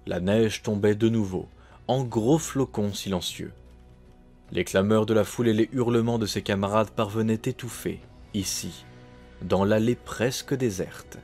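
A man reading an audiobook in a measured, dramatic narration. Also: fairly low pitch, a little mellow, faint music behind. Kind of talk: scripted narration.

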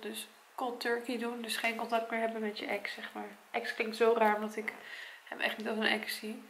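A Dutch woman in her twenties talking to her camera at her parents' home, tearful and congested from crying, in a soft, halting voice. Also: on the high side, gravelly, echoey room, slight background noise. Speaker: vlogger and primary school teacher. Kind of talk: personal vlog talk to camera. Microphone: camera mic.

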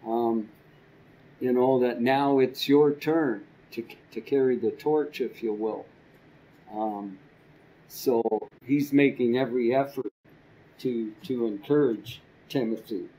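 An older man teaching a church Bible class from a podium, slow and halting with frequent ums and repeated words. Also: medium pitch, dark tone, poor audio. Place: church classroom with a projector screen. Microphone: podium microphone.

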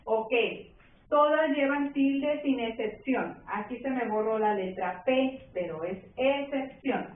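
A woman teacher with a Mexican accent, giving a slow, patient classroom lesson, stretching words and checking that her pupils follow. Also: sits high, slight background noise. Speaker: primary school teacher. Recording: roomy, distant, phone-like sound.

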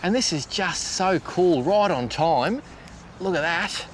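A man with an Australian accent hosting a fishing show from a boat outdoors, excitable and chatty, laughing often. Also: high-pitched, slow pace, slight background noise. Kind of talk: casual outdoor fishing commentary.

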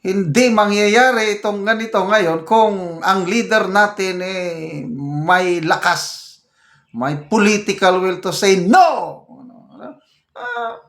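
Older man, slow, in a roomy echo. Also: high-pitched, lively intonation, fairly bright tone. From Philippines. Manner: reads comments aloud, chuckles, indignant. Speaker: retired general commentator. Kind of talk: casual political commentary.

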